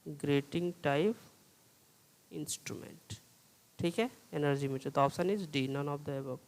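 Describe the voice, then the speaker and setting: Man, lecture style, slow, clear smooth voice, reads questions then explains. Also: on the high side, poor audio. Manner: reads English questions slowly, explains in Hindi with repeated "theek hai". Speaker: teacher. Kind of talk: exam-prep lecture solving multiple-choice questions.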